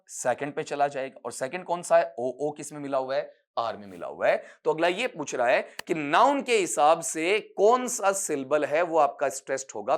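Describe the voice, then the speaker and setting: Prepping students for an exam, a man from India teaches English phonetics in a fairly high-pitched voice. He's patient, explaining things step by step, calling his students "beta" fondly, and drawing words out slowly to show how they sound.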